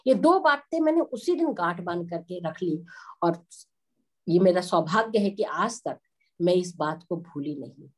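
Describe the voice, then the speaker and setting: A woman's voice: fairly low pitch, expressive, a little slow. A middle-aged woman from India giving an earnest public speech at a women's day event, slipping English phrases into her talk.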